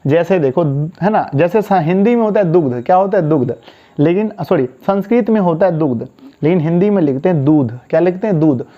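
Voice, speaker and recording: A man's voice: sits high, expressive, fairly quick. A man teaching a Hindi grammar class online, drilling students with call-and-response repetition and answering his own questions. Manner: casual, asks rhetorical questions and answers them. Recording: dull lo-fi recording.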